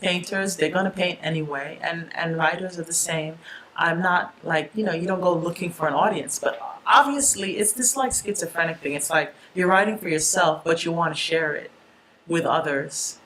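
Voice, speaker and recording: Chatty woman poet with a low voice. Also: moderate pace, fairly bright tone, a little hiss or hum, poor audio. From Jamaica. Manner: chatty, laughs often, many restarts. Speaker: guest poet and writer. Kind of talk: relaxed interview talk with a poetry reading.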